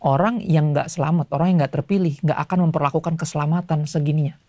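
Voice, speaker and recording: A male pastor giving a casual sermon to young people, telling stories in relaxed everyday slang. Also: on the high side, fast, dry recording. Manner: chatty storytelling in everyday slang; acts out voices in quotes.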